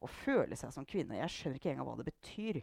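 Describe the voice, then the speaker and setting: A woman voicing a sharp-tongued, sarcastic elderly grandmother who loves provoking her family. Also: very deep voice, big pitch swings, gravelly, slightly rough, dry recording, clean studio sound, pitched below the performer's own voice, exaggerated voice. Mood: declaiming. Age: older. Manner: sarcastic, declaiming.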